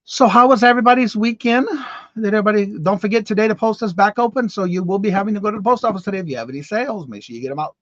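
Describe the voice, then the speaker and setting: A man in his fifties hosts a casual live-stream morning show, reading comments, greeting viewers by name and exclaiming in disbelief. His voice is high, racing and a bit bright. The audio is dull, with no echo.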